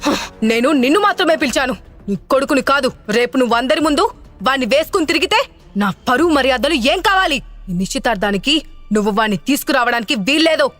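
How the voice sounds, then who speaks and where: A woman voicing an angry, proud older father who talks harshly and shouts, in an audio drama with faint music behind. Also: fairly high pitch, animated, a little fast, no echo.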